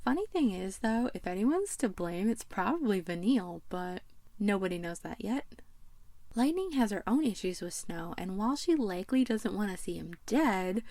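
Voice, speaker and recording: A woman's voice: mid-range voice, lively intonation, moderate pace, a little mellow, no room sound. A woman hosting a video essay, narrating a game recap in a chatty, playful way with fond asides. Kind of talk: casual game commentary narration.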